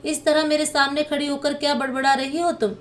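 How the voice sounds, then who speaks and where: A woman's voice: high voice, level tone, a little fast, a little hiss or hum, natural voice. A woman voicing a stern, scolding old mother-in-law who favours one daughter-in-law. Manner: nagging, sharp complaints.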